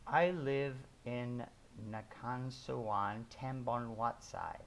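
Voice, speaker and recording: A man's voice: medium pitch, slow, gravelly, slight background noise. A man from America, a guest teacher, giving simple cheerful answers in an English lesson, recorded outdoors in a garden. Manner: simple, cheerful replies to set questions.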